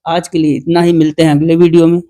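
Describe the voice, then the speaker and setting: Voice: medium pitch, level tone, warm tone. Teacher who answers their own questions. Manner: asks the class questions, then answers them; reads out quiz questions slowly, then explains. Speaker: exam-prep teacher. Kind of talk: online exam-prep lesson.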